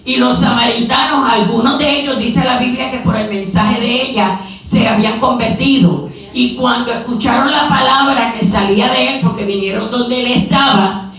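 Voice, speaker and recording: A woman preacher giving a sermon in a church, retelling a story with rhetorical questions and quick asides. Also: fairly high pitch, fairly bright tone, soft background music. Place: church sanctuary. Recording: very echoey hall, mic far off.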